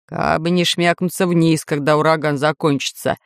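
A woman voicing a plump, self-satisfied male pirate in a children's audiobook, with a slow drawl. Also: low voice, steady tone, smooth, no room sound, studio quality. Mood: yelling.

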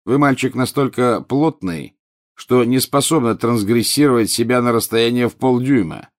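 A man voicing a cold, contemptuous male teacher who talks in a slow drawl. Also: mid-range voice, pitched above the performer's own voice, close to an everyday voice. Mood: sneering.

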